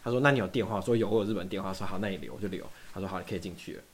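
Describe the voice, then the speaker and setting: A man's voice: low voice, rapid-fire. A young man from Taiwan telling a long story in casual chat, acting out both sides of every exchange. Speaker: podcast guest.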